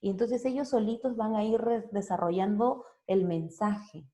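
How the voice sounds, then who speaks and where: A woman's voice: mid-range voice, normal speed, dark tone. A woman psychologist, giving an informal talk for parents, explaining step by step and often checking in with tag questions. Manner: conversational, frequent tag questions.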